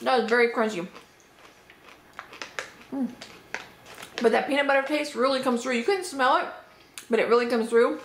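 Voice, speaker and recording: Upbeat woman vlogger, a little hoarse, higher voice, chatty snack-tasting review in an echoey room with faint noise. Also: steady tone, fairly quick, pauses often. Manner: chatty, upbeat, thinking aloud. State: slightly hoarse. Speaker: unboxing vlogger. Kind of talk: casual product tasting review. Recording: roomy echo, faint background noise.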